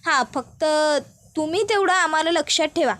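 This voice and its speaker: A greedy hired thug, talking business and wheedling for his cut, as a woman narrator reads him. The pitch stays high. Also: moderate pace, fairly bright tone.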